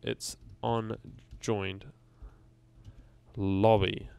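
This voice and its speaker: A man talks through a game-coding tutorial in a loose, rambling way, often catching and correcting himself mid-sentence. His voice is gravelly yet clear and resonant. The sound is dry and close, with no room echo. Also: fairly low pitch, flat delivery, extremely slow, a little mellow. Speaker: game development tutorial host. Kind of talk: casual screen-recorded coding tutorial.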